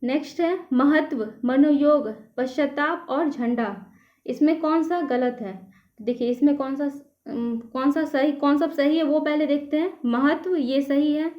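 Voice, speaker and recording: A woman's voice: sits high, unhurried, darkish tone. A woman teacher taking a class through an exam prep lesson, patiently checking each answer option in turn. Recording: echoey room, slightly dull sound.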